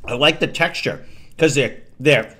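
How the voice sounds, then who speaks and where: A man's voice: medium pitch, unhurried, background noise. A man in casual food-tasting chat, talking with his mouth full and stammering through restarts as he tries a snack. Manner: stammering restarts, repeating words. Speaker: food reviewer.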